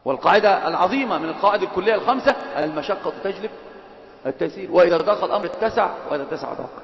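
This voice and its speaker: A man's voice: high voice, expressive, very fast. A man giving an Islamic lesson, moving between classical Arabic and colloquial speech as he quizzes and teases dozing students. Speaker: religious teacher. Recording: echoey lecture hall, dull lo-fi.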